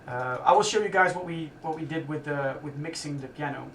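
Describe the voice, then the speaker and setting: A man's voice: a little high, fairly bright tone, a little hiss or hum. Man talking from across a roomy studio. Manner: thinks aloud while working, halting with restarts. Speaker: music producer hosting a live stream. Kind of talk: casual live-stream explanation. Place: music studio. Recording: roomy studio sound from a distance.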